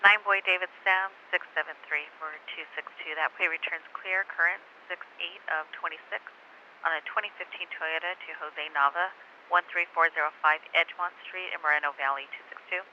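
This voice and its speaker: A man's voice: on the high side, fairly even intonation, a little fast, pushed and bright, highs cut off, slight background noise. A man working as a police dispatcher, heard over police scanner radio, giving terse clipped code calls.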